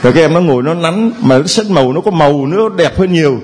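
A man's voice: a little high, expressive, fast talker, darkish tone. A man preaching a homily who keeps a playful tone, quizzing the congregation with questions and chuckling between points. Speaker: priest.

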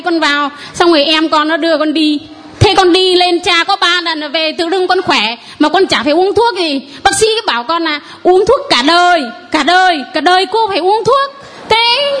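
A woman from the congregation tells the priest her healing testimony. Her voice sits very high, and she talks earnestly with bits of laughter. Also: fairly bright tone. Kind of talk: spoken testimony.

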